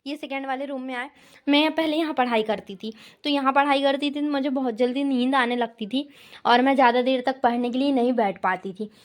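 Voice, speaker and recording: A woman's voice: high-pitched, fairly even intonation, fairly quick. A young woman in her twenties chatting casually to viewers while walking them through her small home. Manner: chatty, addresses viewers as "bhai" and "yaar". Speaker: vlogger. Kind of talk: casual home tour vlog.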